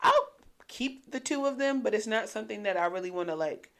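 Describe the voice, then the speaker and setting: A talkative woman co-hosting a podcast in casual, animated chat, with plenty of slang and swearing. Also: mid-range voice, a little fast. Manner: animated, amplified on the show. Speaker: podcast co-host.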